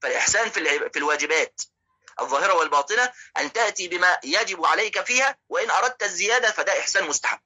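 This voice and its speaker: A man with an Egyptian accent teaches a religious lesson, breaking each point down and firing rhetorical questions at his listeners. His voice is tense and bright with a husky edge, and he sits a little above the usual male pitch. He talks at a racing clip. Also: animated, rapid-fire, poor audio. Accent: Egyptian Arabic. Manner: explanatory, poses rhetorical questions and checks in with listeners. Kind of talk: religious lesson explaining hadith.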